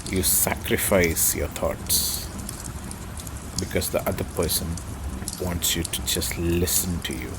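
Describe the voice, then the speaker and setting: A man with a deep, gravelly voice muses reflectively in short, halting phrases, pausing often as he thinks. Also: steady tone. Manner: halting, pensive delivery in short broken phrases. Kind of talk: slow reflective spoken musing. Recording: clearly noisy ambient background.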